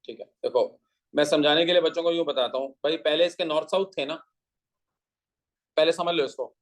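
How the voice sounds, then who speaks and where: A man with a fairly high speaking voice teaches a physics class. He explains each step patiently, keeps throwing rhetorical questions at his students, and slips English technical terms into his Hindi. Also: brisk, poor audio.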